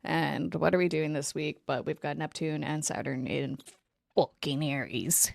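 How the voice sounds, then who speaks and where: Woman podcast co-host, low gravelly voice, dry close sound, reads tarot meanings, laughs a lot. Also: fairly even intonation, measured pace, a little mellow, dry recording. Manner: laughs often, reads aloud then chats. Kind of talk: casual chat and reading tarot card meanings. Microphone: remote call recording.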